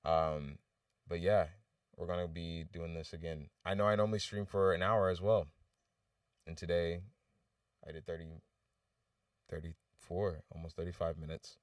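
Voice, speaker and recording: Deep-voiced man reviewing songs on a stream. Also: steady tone, moderate pace, pauses often, no room sound, clean studio sound, recorded from a distance. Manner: candid, loose and rambling with restarts. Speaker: livestream music reviewer. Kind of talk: casual livestream feedback.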